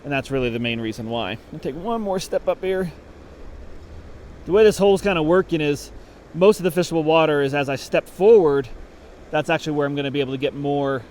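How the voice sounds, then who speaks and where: A man's voice: fairly high pitch, a little fast, a little mellow, slight background noise. A man explaining fly fishing technique while fishing outdoors, talking casually and thinking aloud. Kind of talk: on-the-water instruction. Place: outdoors at a creek.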